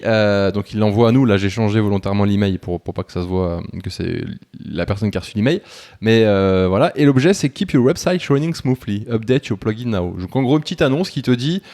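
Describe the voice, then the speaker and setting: Casual, rambling man with a low voice. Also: a little mellow. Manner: chatty, informal, full of fillers and restarts. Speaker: YouTuber teaching web freelancing. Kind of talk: casual screen-share tutorial.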